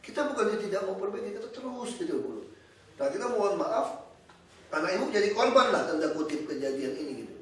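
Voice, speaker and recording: A man speaks as a government official at an informal indoor meeting. He is blunt and animated, and he often laughs between his points. His voice sits a bit high, and the room is very echoey with the mic placed far away. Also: brisk.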